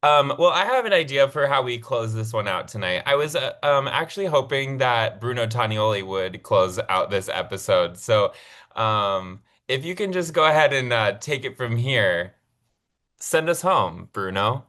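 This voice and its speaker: A man co-hosting a casual podcast, chatty and excitable, with plenty of fillers. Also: medium pitch, moderate pace. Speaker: podcast co-host. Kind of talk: casual chat.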